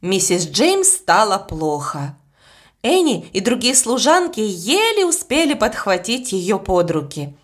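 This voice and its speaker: A woman narrating a children's storybook aloud in an expressive, measured way. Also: medium pitch. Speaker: audiobook reader.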